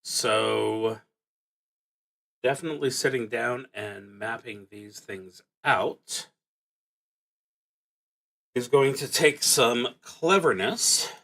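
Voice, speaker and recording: A man thinks aloud at a slow, unhurried pace while playing a solo roleplaying game on stream, his mid-pitched voice carrying a fairly bright tone. He muses haltingly over each choice, often letting a thought trail off before returning to it.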